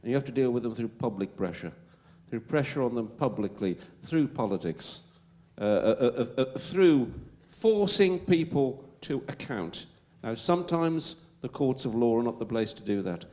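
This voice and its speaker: A man's voice: medium pitch, lively intonation, normal speed, hardly any pauses, warm tone. A man with a Wolverhampton accent answering as a panel speaker at a public Q&A, emphatic and stumbling over repeated words.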